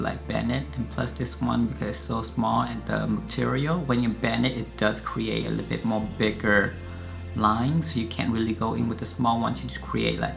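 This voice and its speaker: A man's voice: mid-range voice, vocal fry. A man giving a casual, chatty makeup tutorial as a beauty vlogger.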